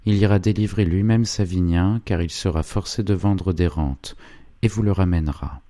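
A man voicing an old village priest with a gently insinuating, persuasive manner, in an audiobook reading. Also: low-pitched, moderate pace, dry recording, voice pushed up, close to an everyday voice. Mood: coaxing.

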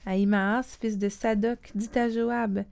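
A woman giving a calm, steady scripted reading of a Bible story, voicing the quoted lines in the same plain tone. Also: medium pitch, unhurried, creaky, clear, resonant tone.

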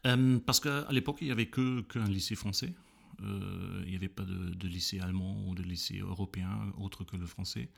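Male guest, husky and gravelly, halting and thoughtful delivery. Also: low-pitched, steady tone. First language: German. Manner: hesitant, many fillers and restarts while recounting. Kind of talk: interview conversation.

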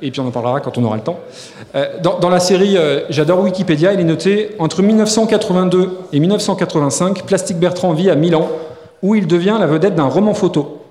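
A man's voice: high voice, fast, mellow. Joking man in an echoey hall. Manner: joking, rambling with many fillers and restarts. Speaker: podcast co-host. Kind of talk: live podcast banter on stage. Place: live festival stage before an audience. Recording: echoey hall with long reverb.

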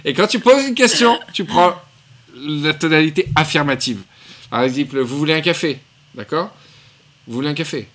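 Lively, bright-voiced joking man. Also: on the high side, moderate pace. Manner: joking, teasing and excitable. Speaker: podcast host. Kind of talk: casual chat.

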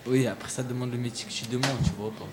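A man's voice: mid-range voice, fairly even intonation, quick pace, a crowd in the background. A man guest on a radio discussion arguing his point casually, a little away from the microphone. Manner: argumentative, casual, with "tu vois" and "je sais pas".

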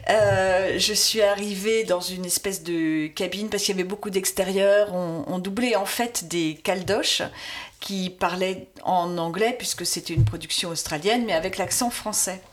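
In a casual interview chat, a guest voice actress with a mid-range voice talks at normal speed. She's a lively storyteller who laughs often and restarts frequently.

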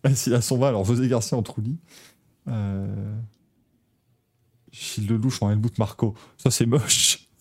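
Joking French podcast host, laughing. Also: male voice, fairly low pitch, fairly even intonation, measured pace, pauses often. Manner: jokey, laughing, rambling asides. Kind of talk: casual chat.

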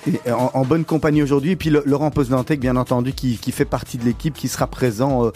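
Radio host guy, mellow dark voice, faint music under him, keeps tripping over words. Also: medium pitch, steady tone, fast talker. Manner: stumbling, repeats words. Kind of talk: radio talk show.

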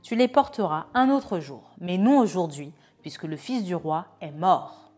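A woman's voice: on the low side, expressive, a little slow, a little mellow, faint music behind. A woman voicing a stern male army commander who gives curt, emphatic orders.

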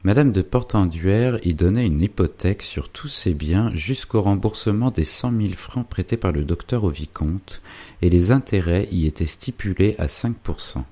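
A man narrating a classic novel as an audiobook, in a measured literary manner. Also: deep voice, animated, warm tone.

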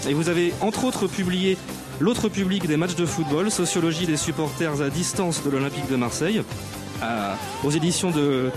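Music plays as this man presents a live radio broadcast before an audience on an outdoor arts-venue stage. His voice is a little high at normal speed, and his guest introductions are formal and playfully grand, peppered with hesitations.

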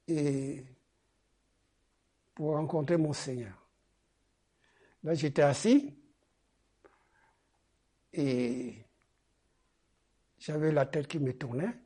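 A man preaching a testimony sermon in a halting way, repeating his phrases and swinging between loud urging and soft murmurs. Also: fairly high pitch.

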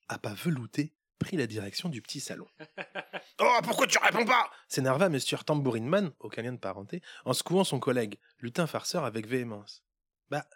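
A man's voice: medium pitch, breathy edge, no echo, clean studio sound. A man hosting a podcast who narrates a Christmas storybook tale in a playful way, with running gags. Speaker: podcast host.

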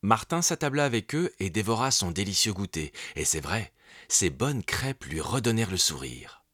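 A man narrating a children's storybook in an expressive, gentle storytelling manner. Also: on the low side, normal speed, no room sound, studio quality.

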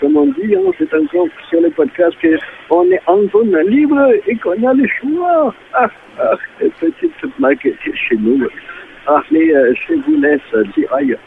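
A man's voice: very high voice, wildly swooping pitch, moderate pace, vocal fry, few pauses, slight background noise, heavily acted. A man doing a rambling caller from Berlin. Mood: jokey. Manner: broken French, rambling. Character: man from Berlin putting on a heavy German accent. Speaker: fake caller. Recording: tinny phone-like answering machine message.

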